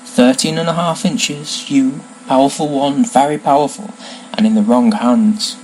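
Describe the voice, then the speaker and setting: A man voicing an intense, eerie old male wandmaker in a storybook reading, with a soft, hushed, lilting voice. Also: medium pitch, steady tone, unhurried, slight background noise, close to an everyday voice, rough recording.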